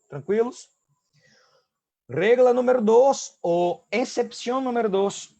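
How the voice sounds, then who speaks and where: A man's voice: high-pitched, a little mellow. A Brazilian man teaching an online Spanish class, explaining step by step and checking in often with his students. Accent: Brazilian Portuguese.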